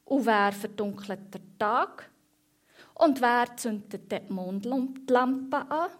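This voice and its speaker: Woman reading a calm, dreamy little mouse poet for a storybook, gentle lilt, slow and raised. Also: a little high. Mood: reciting.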